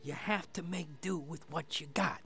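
An actor voicing a smug, foul-mouthed, gleefully sadistic killer doll with a raspy voice, giving gloating in-character commentary on a film. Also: male voice, a little high, normal speed, fairly bright tone, soft background music. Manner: gloating, sardonic, profane.

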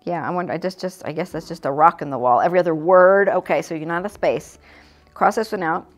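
Speaking fast in a voice on the low side, this middle-aged American woman runs a children's church lesson in a classroom, with soft music playing behind her. Her manner is informal and chatty, full of easy laughs, as in a casual teaching demo. The recording comes from a fixed camera at mid distance.

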